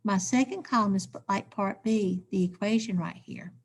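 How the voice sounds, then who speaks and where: A woman's voice: mid-range voice, moderate pace. A woman teacher, walking through math steps aloud in a recorded lesson and checking in with "okay?".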